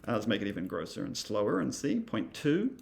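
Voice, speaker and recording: A male instructor casually walking through software, thinking aloud with many fillers and asides. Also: fairly low pitch, big pitch swings, brisk, gravelly.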